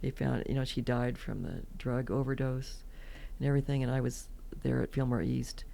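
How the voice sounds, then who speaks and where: A woman's voice: extremely low pitch, steady tone, normal speed, vocal fry, mellow, a little hiss or hum. A woman in her seventies from California, telling rambling, chatty stories as a podcast guest and laughing often. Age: 70s. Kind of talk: casual interview storytelling.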